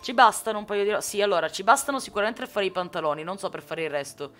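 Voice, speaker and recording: A woman's voice: medium pitch, animated, fast, a bit bright, soft background music. Chatty Sicilian woman streaming a game. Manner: chatty and joking, answers viewers' comments. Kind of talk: casual live gameplay chat.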